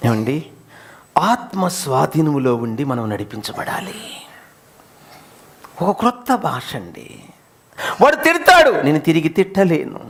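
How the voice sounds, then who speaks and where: Male pastor, high gravelly voice, very animated, call-and-response sermon style. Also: a little slow, long pauses. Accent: Telugu. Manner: swings from loud rhetorical questions to low intense asides. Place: church service.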